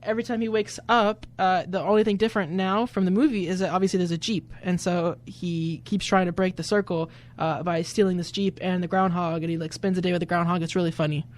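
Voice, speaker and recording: A man's voice: high voice, steady tone, fast talker, few pauses. A man in his twenties hosting a college radio show, rambling casually with many fillers. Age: 20s. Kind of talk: casual chat.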